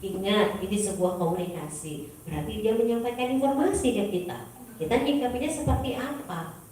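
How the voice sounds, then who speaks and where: Woman, slightly high voice, animated storyteller, very echoey hall heard from a distance. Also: slight background noise. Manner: animated storytelling, acting out dialogue. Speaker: school principal speaking to teachers. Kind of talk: teacher training talk.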